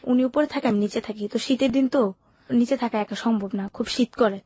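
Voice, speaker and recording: A young woman with a Bangladeshi accent, appearing as an interview guest, candidly recounts her life story in colloquial speech, often quoting what people said to her. Her voice is a little high, dark and slightly rough, a little fast, on a dry recording.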